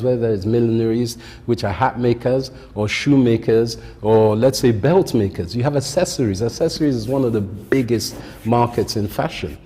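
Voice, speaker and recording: Here a content creator and fashion designer with a Nigerian accent responds to an interviewer, taking his time and filling pauses with plenty of ums. He speaks at medium pitch with a dark, husky quality, and the room sounds big.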